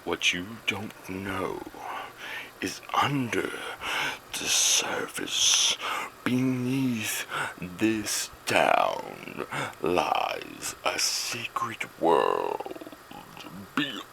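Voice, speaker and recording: A man voicing a mysterious male trailer narrator, slow and half-whispered, for a home video. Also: low voice, sing-song, vocal fry, noisy background, exaggerated voice. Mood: ominous.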